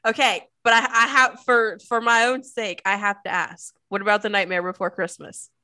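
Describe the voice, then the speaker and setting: Bright-voiced woman reacting enthusiastically. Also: mid-range voice, flat delivery. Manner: enthusiastic, quick reactions, quotes movie lines. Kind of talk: casual chat.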